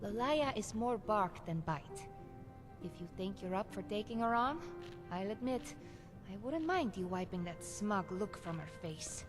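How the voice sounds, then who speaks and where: A woman's voice: mid-range voice, animated, unhurried, natural voice. An actress playing a poised, dry-witted bard woman, composed and articulate, in a fantasy video game. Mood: encouraging, defiant. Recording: loud game music behind the voice.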